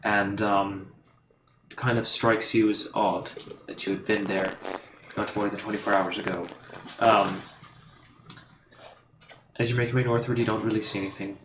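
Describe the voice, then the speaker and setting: Fairly low-voiced male game master, roomy. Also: little pitch movement, normal speed. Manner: rambling descriptions with many fillers and restarts. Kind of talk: narrating a tabletop game. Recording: roomy live stream with background noise.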